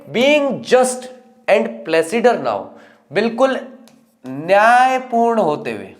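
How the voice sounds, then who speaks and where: A man teaching a lesson, reading English lines slowly and explaining them in casual Hindi with playful acted asides. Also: sits high.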